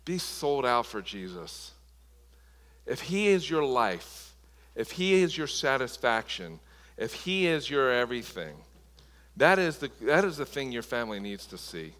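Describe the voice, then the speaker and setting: Impassioned preacher in a reverberant hall. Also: male voice, mid-range voice, very animated, normal speed, a bit bright. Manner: impassioned, with frequent restarts and repeated words. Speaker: pastor. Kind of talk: sermon. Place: church sanctuary. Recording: long reverb of a large hall.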